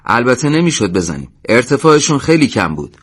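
Male narrator as commanding officer, clipped and loud. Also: medium pitch, big pitch swings, husky, pitched above the performer's own voice.

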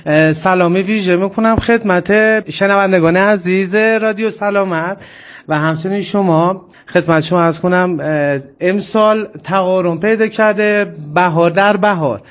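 A male interview guest with a high-pitched voice and an Isfahani accent. He talks politely, with some hesitation, in a radio conversation.

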